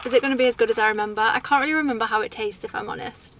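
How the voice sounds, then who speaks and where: Young girl rambling to her camera in the car, voice a bit high, faint hum behind. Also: very fast, fairly bright tone, poor audio. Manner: chatty and rambling, light and upbeat. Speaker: vlogger. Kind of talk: casual vlog chat to camera. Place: parked car, then a home indoors. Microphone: camera held at arm's length.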